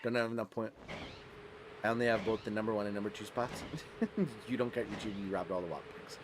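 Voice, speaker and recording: A man's voice: fairly low pitch, fairly even intonation, a little fast, over music. A man chatting casually on a live stream while playing a game, rambling and laughing often.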